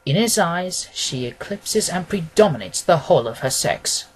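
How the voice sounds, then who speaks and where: In a somewhat high, husky voice, a man narrates a classic detective story as an audiobook, reading in a measured, formal, expressive style. The audio quality is poor.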